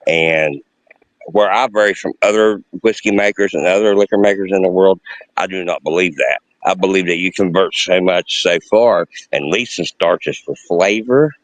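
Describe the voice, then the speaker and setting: A man's voice: low voice, normal speed, dry recording, poor audio. A man, chatting casually and explaining things in a folksy, emphatic way like an experienced craftsman. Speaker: experienced distiller. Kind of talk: casual chat, explaining distilling.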